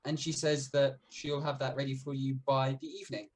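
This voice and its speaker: A man casually narrating a tabletop game as game master, with a halting, word-repeating delivery. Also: medium pitch, little pitch movement. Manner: halting, repeats words as they start.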